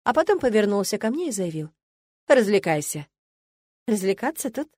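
A woman narrating a novel in the first person, wry and lively, as an audiobook. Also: medium pitch, fast talker, slightly rough, no echo, studio quality.

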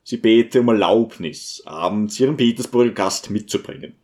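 A man's voice: fairly low pitch, moderate pace, darkish tone, close to an everyday voice. A man doing an eager, vain schoolteacher.

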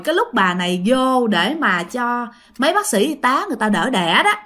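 A woman's voice: fairly high pitch, a bit bright. A woman with a Southern Vietnamese accent telling a ghost story casually, chatting directly to her listeners.

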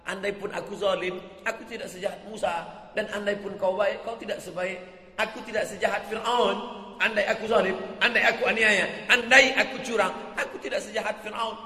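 A preacher voicing a clever caliph's calm rebuke. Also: male voice, high-pitched, brisk, reverberant, in a large hall, pitched above the performer's own voice. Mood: gently reproachful. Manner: reasoned, rhetorical reproach.

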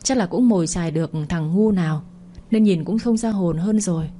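Storybook villain: a scornful older matriarch read by a woman, low and soft-toned. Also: brisk, slight background noise, natural voice. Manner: scornful, scolding. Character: harsh domineering older woman, mistress of the house.

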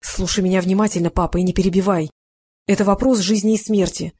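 A woman narrator voices a determined young heroine, the daughter of a police chief. She speaks urgently and keeps her voice low and tense, staying near the reader's own tone. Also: steady tone, fast talker, a little mellow, husky, no room sound, lightly acted.

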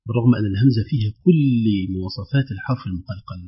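Man recitation teacher, husky voice, quick explanations, dull lo-fi sound. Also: fairly low pitch. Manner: patient, repeats words slowly to demonstrate sounds. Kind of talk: instructive explanation with demonstrated pronunciations.

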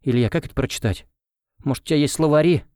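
A man's voice: a little high, fast talker, darkish tone, dry recording, studio quality, pitched above the performer's own voice, natural voice. A man voicing an anxious young man who pleads for help in an audiobook. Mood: anxious pleading. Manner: worried, pleading.

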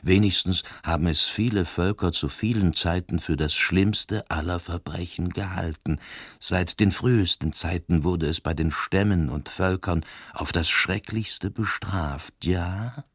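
A man reading the lines of a calm, sharp-minded old priest detective in a grave, slow voice that drops to a hushed whisper. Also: deep voice, breathy edge, no echo, studio quality. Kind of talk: scripted narration.

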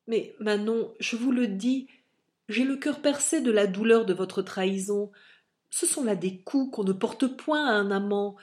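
A woman's voice: mid-range voice, darkish tone, lightly acted. A woman voicing a heartbroken young nobleman. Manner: impassioned, slow and declamatory.

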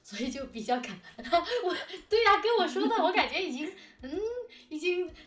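Her pitch is extremely high and sing-song, moving at a moderate pace, and the distant mic leaves it reverberant. She's a co-host on an audio drama production team, giggling and talking animatedly in a casual behind-the-scenes chat.

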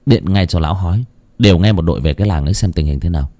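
A man's voice: low voice, very fast, warm tone, no room sound, voice pushed down. A man voicing a stubborn, injured young man who barks orders in a ghost story reading. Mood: urgent.

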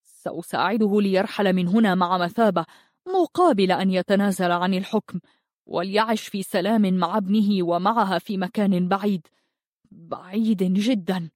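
A woman voicing a troubled prince who answers his wife in a hurried, placating way. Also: medium pitch, no room sound, studio quality, lightly acted.

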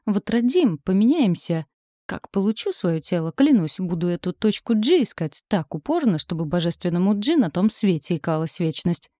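A woman voicing a teasing, gruff young husband in an audiobook, lightly acted. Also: lowish voice, sing-song, moderate pace, mellow, dry recording, clean studio sound. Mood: grumbling. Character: grumbling joking young husband, a man.

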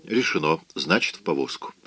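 A man's voice: rumbling low, animated, moderate pace, pushed and bright, no room sound, pitched below the performer's own voice, exaggerated voice. A man voicing a self-assured, blunt man in an audiobook, speaking firmly. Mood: commanding. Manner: firm, commanding. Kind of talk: audiobook reading.

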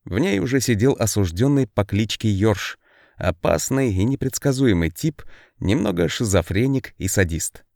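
A male audiobook narrator with a low voice and animated, swinging intonation. He tells the story expressively in scripted narration. The recording is dry, with no room sound. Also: moderate pace, creaky, no room sound.

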